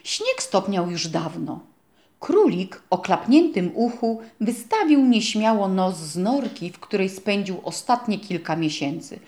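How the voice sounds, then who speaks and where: A woman reading a children's storybook aloud in a gentle, expressive narrating voice. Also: mid-range voice, unhurried. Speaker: audiobook reader.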